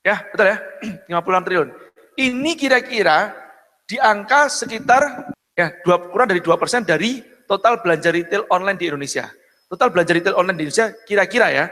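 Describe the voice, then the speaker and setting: A man giving a business seminar in a casual, chatty way, often checking in with his audience and clearing his throat. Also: sits high, sharp tone, long reverb tail. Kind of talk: live business seminar talk.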